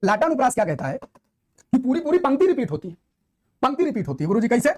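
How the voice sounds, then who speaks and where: A woman's voice: fairly high pitch, sing-song, quick pace, a little mellow. A woman teaching a grammar lesson, explaining with everyday examples, asking rhetorical questions and repeating key points with emphasis. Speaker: Hindi literature teacher. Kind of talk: classroom-style grammar lesson.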